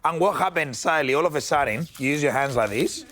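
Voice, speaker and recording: A man, a TV chef, giving a lively cooking demonstration and talking through each step. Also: fairly high pitch, fairly quick. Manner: upbeat, animated, talks through each step. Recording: music playing behind.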